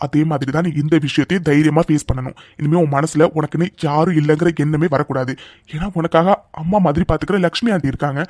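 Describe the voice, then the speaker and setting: A man voicing a protective young man who is deeply in love and speaks in an insistent, pleading way in a cartoon dub. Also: a little mellow, no room sound, studio quality, lightly acted.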